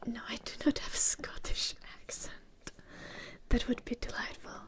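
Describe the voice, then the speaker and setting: Close to the mic, an ASMR livestream host from Finland reads her chat's names in an unhurried, soft whisper. She speaks English with a faint Finnish tinge.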